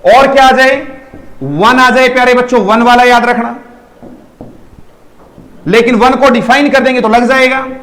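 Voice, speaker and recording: In an echoey room on a low-quality recording, a man with a very high, fairly bright voice teaches English online. He repeats words emphatically for pronunciation practice, speaks affectionately to students, and keeps checking in on them.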